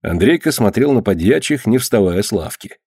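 A man narrating a historical tale as an audiobook, in even, measured storytelling. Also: fairly low pitch, slightly rough, no room sound, clean studio sound.

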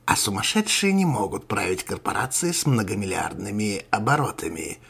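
A man voicing a sinister male sorcerer villain in a crow mask, with a hoarse, gravelly voice and a gloating, menacing manner, in an audio story. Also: fairly low pitch, very animated, moderate pace, fairly bright tone, exaggerated voice. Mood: gloating menace.

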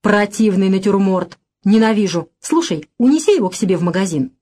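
Audiobook: excitable sharp-tongued young sister, read by a woman, high and abrupt. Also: fairly quick. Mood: mocking, furious. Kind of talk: audiobook reading.

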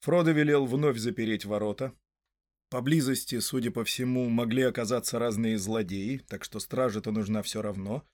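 A man narrating a storybook in a scripted reading, lively and expressive. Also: medium pitch, moderate pace, dry recording, studio quality. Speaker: audiobook narrator.

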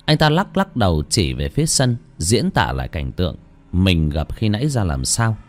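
Male horror narrator: low, dramatic, suspenseful, very expressive. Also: normal speed. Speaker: storyteller. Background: faint music.

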